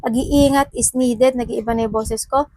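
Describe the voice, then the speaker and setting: A woman's voice: fairly high pitch, fairly even intonation, moderate pace, warm tone, no room sound, poor audio. Chatty woman reading tarot. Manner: chatty, mixing Tagalog and English, with frequent fillers and asides. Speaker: tarot reader. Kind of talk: casual tarot reading monologue.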